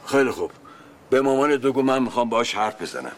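A man's voice: medium pitch, animated, a little hiss or hum, natural voice. An actor playing a middle-aged husband and father, earnest and firm, who wants to talk with his estranged wife.

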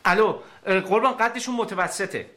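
A doctor in a TV comedy, passing questions down a phone line. His voice is high and bright, with a clipped, fed-up edge. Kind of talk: TV comedy acting.

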